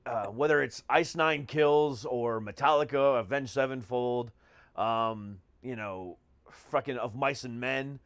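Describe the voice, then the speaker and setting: A man hosts a podcast in casual conversation, his mid-range voice unhurried and clean with no room sound. He talks emphatically and slangily, swearing often.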